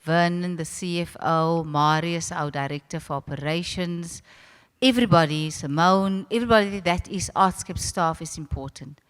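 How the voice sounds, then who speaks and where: An older woman with a South African accent gives an informal public speech, animated and direct, addressing her audience familiarly. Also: lowish voice, normal speed, clear, resonant tone. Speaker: host of a ceremony, arts centre leader. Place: large reverberant venue at a public ceremony. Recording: echoey hall with long reverb.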